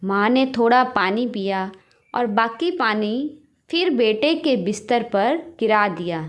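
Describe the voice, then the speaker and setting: A woman narrating a moral story in a measured, even storytelling manner. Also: a little high.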